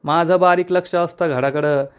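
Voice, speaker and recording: A man voicing a loud, quarrelsome village aunt in a serial recap, reading her scolding lines in his own voice. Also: on the high side, steady tone, moderate pace, clear, resonant tone, natural voice. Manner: scolding, shouting.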